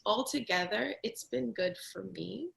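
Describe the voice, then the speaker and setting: Gravelly-voiced chatty homeschooling mom. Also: female voice, mid-range voice, unhurried, low-quality recording. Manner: chatty, lots of "like" and "kinda", animated retelling. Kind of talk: casual conversational sharing.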